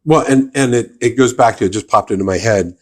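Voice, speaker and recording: A man's voice: mid-range voice, fairly quick, a little mellow. A man hosting a business podcast, chatting with his guest and often agreeing with her. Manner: affirming, frequent agreeing interjections. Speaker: podcast host. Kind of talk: conversational podcast interview.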